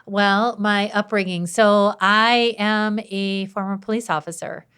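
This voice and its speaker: Loud, bubbly woman in her fifties. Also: mid-range voice, steady tone, unhurried, clear, resonant tone. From Wisconsin, USA. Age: 50s. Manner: loud, bubbly, laughs often. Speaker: podcast guest, former police officer. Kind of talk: casual interview chat.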